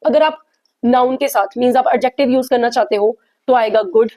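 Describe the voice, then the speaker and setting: Woman teaching grammar, mellow tone. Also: on the high side. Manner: slow, deliberate when reading English examples aloud; addresses viewers directly, asks them to answer. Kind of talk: explanatory grammar lesson.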